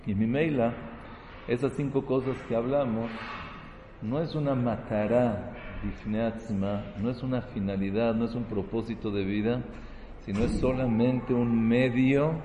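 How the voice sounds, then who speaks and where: A man's voice: mid-range voice, measured pace, dark tone, roomy sound, big-room sound, dull audio, slight background noise. A man giving a sermon as a rabbi, mixing Hebrew terms into his talk and building to emphatic, rising peaks.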